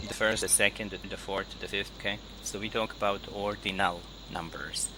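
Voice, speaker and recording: Low-ish guy tutoring english online, patient, keeps repeating words, noisy call. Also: steady tone, moderate pace. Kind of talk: online speaking lesson. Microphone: video call.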